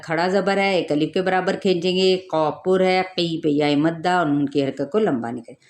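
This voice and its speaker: A woman teaching Quran recitation rules, explaining each rule step by step and drawing out the recited words slowly. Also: on the low side. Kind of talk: tajweed lesson, explaining then reciting.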